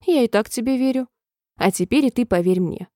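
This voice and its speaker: A woman's voice: a little high, brisk, dry recording, clean studio sound, voice pushed up, close to an everyday voice. A woman reading a storybook, voicing a fretful, whimpering old queen who breaks into squealing cries. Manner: wailing, squealing cries, then oddly calm.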